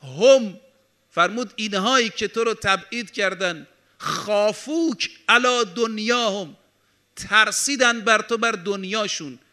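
A man delivers a sermon, his voice sitting high and sounding sharp and bright. He moves between calm explanation and emphatic, ringing peaks, often reciting Arabic sayings slowly before restating them. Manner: preaching with Arabic quotations, rising to emphatic peaks. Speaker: cleric.

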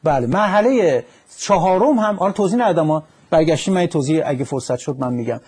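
A man who is a psychologist, calmly counseling a caller on a radio call-in show and quoting verse as he explains. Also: fairly high pitch, husky. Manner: calm and instructive, quotes verse.

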